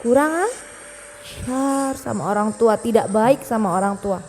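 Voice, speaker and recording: A young mother reads a folk tale aloud to her child, keeping it animated and interactive. Her voice is high and bright, and she often stops to check in with the listener. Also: measured pace, a little hiss or hum. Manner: animated, asks the child questions. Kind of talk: bedtime storytelling to a child.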